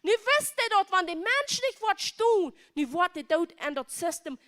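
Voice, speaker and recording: A woman's voice: very high-pitched, big pitch swings, unhurried, sharp tone. A woman with a Plautdietsch accent preaching a sermon in an emphatic, repetitive way.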